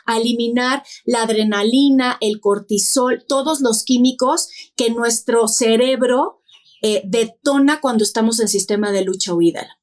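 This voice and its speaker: Guesting on a podcast, a woman lays out explanations step by step, ticking through points and posing rhetorical questions in a teacherly way. She talks at a normal speed in a slightly high voice.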